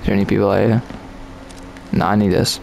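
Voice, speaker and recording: A man's voice: lowish voice, flat delivery, quick pace, gravelly, darkish tone, a little hiss or hum, poor audio. A man giving casual, jokey commentary on his own gameplay, chatting to himself and to other players.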